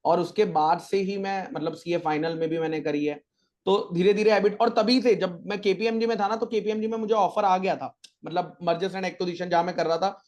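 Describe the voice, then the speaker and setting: Chatty man telling stories, fairly high voice. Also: darkish tone. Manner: chatty, storytelling, motivational. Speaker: podcast guest, chartered accountant teacher. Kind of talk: casual interview chat.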